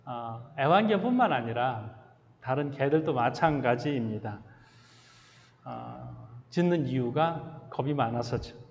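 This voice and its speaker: A man's voice: medium pitch, expressive, measured pace, creaky. A man preaching a Sunday sermon as pastor in a church, putting questions to the congregation. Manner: asks the congregation rhetorical questions. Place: church sanctuary. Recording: echoey church hall, slightly dull sound.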